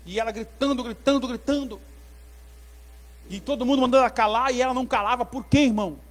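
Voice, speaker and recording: High-voiced preacher. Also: male voice, fast. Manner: animated, repetitive preaching, addresses listeners as brother. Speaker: pastor. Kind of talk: teaching sermon. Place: church.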